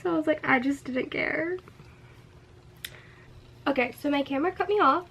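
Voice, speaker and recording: A young woman telling a story in a casual vlog while eating, chatty and animated, with frequent filler words and laughs. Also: high voice, normal speed, vocal fry, a little hiss or hum. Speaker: vlogger.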